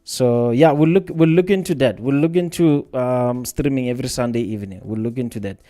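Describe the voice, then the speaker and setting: A man's voice: medium pitch, fairly quick, mellow, soft background music. A man hosting a trading livestream, talking casually and rambling, often repeating his words while answering viewers' questions. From South Africa.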